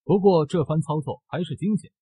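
A man's voice: a little high, a little fast, mellow, breathy edge, dry recording. A man voicing a sly, treacherous female three-tailed fox demon, speaking in a teasing, scheming way.

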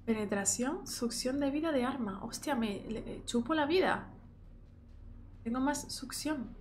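A young woman with a Spain Spanish accent streams a game with casual commentary, screaming and swearing at the action before reading item menus aloud to herself. Her high-sitting voice is lively in intonation and a little slow. A faint hiss or hum sits in the background.

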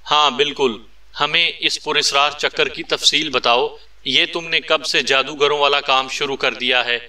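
A man voicing a brisk, sharp-tongued female agent in a read-aloud story. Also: a little high, fairly even intonation. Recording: distant mic.

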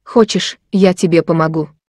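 A woman calmly reads translations of short phrases in an even, steady way. Her voice sits low and sounds mellow and warm. The recording is dry and close. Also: a little slow, no echo. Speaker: translation reader.

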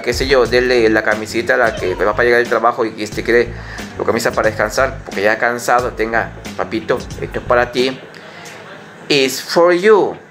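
A middle-aged man teaching young children in an online lesson, coaxing them to repeat phrases slowly. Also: medium pitch. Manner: patient, slow, spelled-out English phrases mixed into Spanish.

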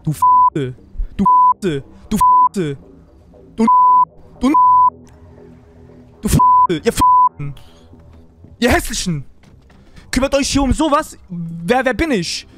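A man roleplaying in a game, shouting and cursing aggressively in character. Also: extremely high pitch, huge pitch swings, takes it slowly, long pauses, loud music behind the voice. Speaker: roleplay streamer. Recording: voice chat over loud game noise.

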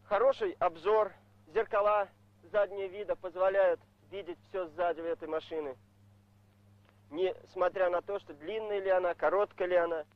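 A male truck driver in an on-camera interview, speaking plainly in halting, simple phrases. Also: high-pitched, steady tone, no echo. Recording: muffled old film soundtrack.

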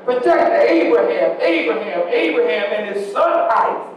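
A male pastor preaching a sermon, breaking into shouts and sung, drawn-out phrases as he calls out to the congregation. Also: high voice, expressive, slight background noise. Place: church sanctuary. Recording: echoey church from a distance.

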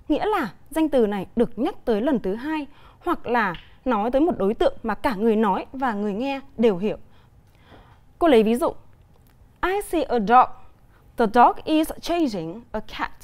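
A woman English teacher with a Vietnamese accent and a bright, high register delivers a patient televised lesson. She explains clearly and deliberately, working through examples.

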